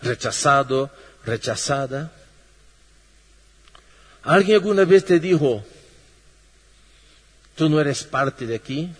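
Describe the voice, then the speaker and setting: A man preaching a sermon slowly, with long pauses, sinking low and soft and then lifting his voice. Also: lively intonation, breathy edge. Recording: long reverb of a hall.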